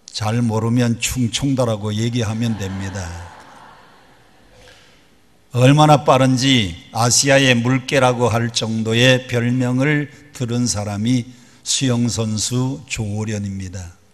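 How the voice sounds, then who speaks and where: A man's voice: mid-range voice, slow. A male pastor preaching a sermon in a large church. He leads the congregation in call-and-response with folksy, joking asides. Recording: long reverb of a large church hall.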